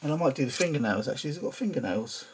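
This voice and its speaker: A man's voice: on the high side, animated, racing, a little hiss or hum. A man talking casually through a figure-painting tutorial at his workbench, muttering to himself as he works and holding his breath over the fiddly bits. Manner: chatty, muttering to himself while working. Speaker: hobbyist toy customizer.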